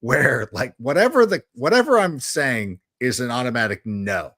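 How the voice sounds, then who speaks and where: A middle-aged man co-hosting a livestream, telling parenting stories in a casual, animated way. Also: medium pitch, moderate pace, no room sound, clean studio sound. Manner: animated storyteller, jumps into voices when quoting. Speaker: livestream co-host. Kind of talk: casual chat.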